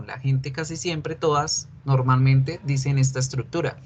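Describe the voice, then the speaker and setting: A man's voice: medium pitch, fairly bright tone. A male English teacher explaining grammar patiently in a recorded online class, mixing English examples into his talk and asking and answering his own questions. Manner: asks and answers his own questions aloud, as a student would.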